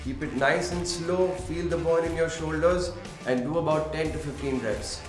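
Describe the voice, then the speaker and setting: A man's voice: fairly high pitch, fairly even intonation, moderate pace, roomy sound, music in the background. A young man leading a home workout as a fitness trainer, explaining each move and counting reps aloud to keep everyone going. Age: young adult. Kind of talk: workout instruction. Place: home gym room, indoors.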